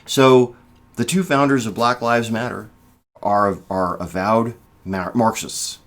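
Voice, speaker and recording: Man in his fifties, low-pitched voice, vlog commentary, measured, halting, emphatic stresses. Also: fairly even intonation. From United States. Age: 50s. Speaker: political vlogger. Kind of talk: casual spoken commentary.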